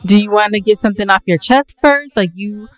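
A woman co-hosts a podcast, trading casual, playful, teasing banter with her partner. Her voice is medium in pitch and fairly quick, with soft music playing in the background.

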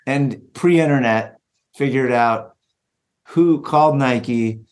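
A man's voice: medium pitch, takes it slowly. A man guest-hosting an interview, reacting briefly and asking follow-up questions. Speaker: guest host.

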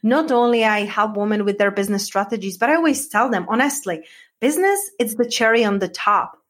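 A woman's voice: medium pitch, a little fast. Earnest Czech-accented woman coach. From Czech Republic. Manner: earnest, heartfelt storytelling. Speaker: guest, women's coach. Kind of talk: podcast interview.

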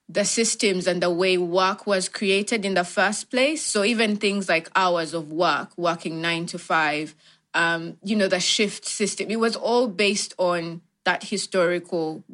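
A young woman from Uganda speaks as an interview guest, with a voice a little lower than most women's. She talks in a reflective way, circling back with fillers and restarts as she thinks. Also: a bit bright. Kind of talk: thoughtful interview answers.

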